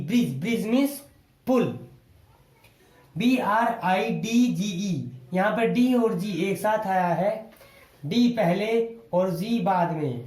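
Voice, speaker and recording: A man's voice: high voice, darkish tone, reverberant. A man teaching an English lesson to viewers, spelling words out letter by letter and patiently repeating each rule.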